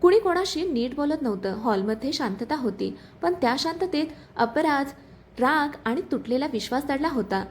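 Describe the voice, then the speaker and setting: A woman narrating a family drama story in a dramatic, expressive reading style. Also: high voice, normal speed, slight background noise.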